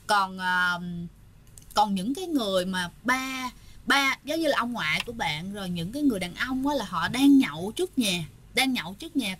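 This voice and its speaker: Lady telling a spooky story, chatty, keeps talking to listeners, bit high voice. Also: bright, forceful tone. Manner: chatty, addresses listeners often. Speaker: ghost story narrator.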